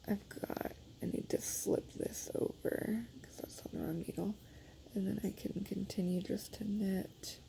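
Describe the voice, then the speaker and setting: A knitting instructor, her mid-range voice warm and husky with vocal fry, gives a casual demonstration of fixing a knitting mistake. She's congested and sniffling, captured on a phone held close by. Her manner is chatty, apologetic, and self-deprecating, with plenty of fillers.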